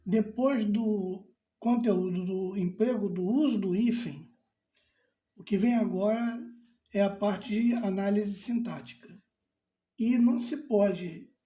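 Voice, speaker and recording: A man explains grammar in an unhurried, mellow voice. He repeats key terms and answers imagined questions from his students. The recording carries a roomy echo. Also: high-pitched. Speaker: grammar teacher. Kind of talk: casual explanatory lesson.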